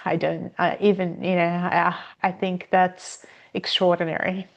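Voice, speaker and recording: A woman as a podcast guest, telling stories in an unhurried way with many pauses and restarts. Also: on the low side, little pitch movement, highs cut off. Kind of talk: casual interview conversation.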